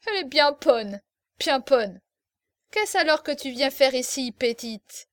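A woman's voice: high-pitched, lively intonation, a little slow, no room sound, studio quality. A woman voicing a sneering young Prussian officer. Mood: mocking. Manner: loud, sneering, laughing. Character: arrogant young male Prussian officer, mocking.

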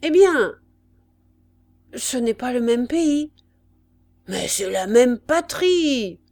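A woman voicing a gruff male army sergeant who barks his questions loudly. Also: high voice, slow, pitched above the performer's own voice. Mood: barking. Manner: loud, barking questions.

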